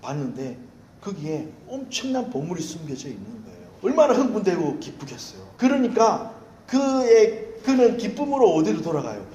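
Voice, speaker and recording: A man preaching, his fairly high voice leaping up and down as he spins candid, self-mocking stories from the pulpit. The sound rings around an echoey church hall. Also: a little hiss or hum. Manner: animated storytelling with candid, self-mocking anecdotes. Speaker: pastor. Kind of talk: sermon.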